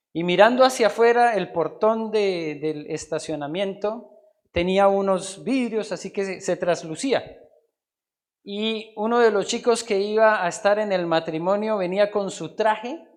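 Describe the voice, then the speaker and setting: A Colombian man preaching a sermon as pastor in a church, swinging between quiet asides and loud, emphatic lines. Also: sits high.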